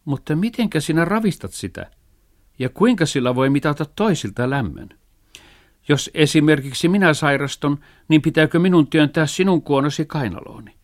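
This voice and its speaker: A man's voice: on the high side, animated, no echo, studio quality, voice pushed up, close to an everyday voice. A man voicing a fussy, puzzled father in a children's story reading, asking question after question.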